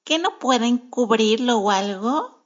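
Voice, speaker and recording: A cranky, fussy lady who complains in a harsh tone, as a woman puts her on for a storybook reading. Her voice sits a bit high. The radio recording is dull and lo-fi. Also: lively intonation, a little slow. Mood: irritated.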